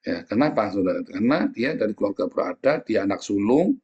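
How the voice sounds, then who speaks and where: Middle-aged male pastor, husky tone, chatty sermon delivery, asks the congregation to agree, voices quoted speakers in a higher pitch. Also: lively intonation, a little fast, darkish tone, muffled recording. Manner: conversational, often asks the audience "ya kan?"; acts out quoted speakers in a raised voice.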